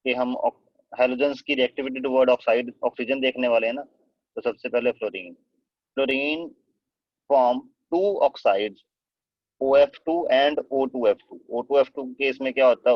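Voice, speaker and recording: A man's voice: medium pitch, no echo. Young guy teaching chemistry, keeps saying okay, explains step by step, dry dull-ish mic sound. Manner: explanatory, checks understanding with frequent "okay". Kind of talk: classroom lecture mixing Hindi and English.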